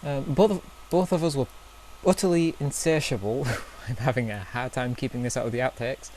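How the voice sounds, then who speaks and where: A man's voice: mid-range voice, a little fast, darkish tone, slight background noise. A young man vlogging in a casual, self-deprecating way, telling awkward stories with nervous fillers. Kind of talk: casual storytelling vlog.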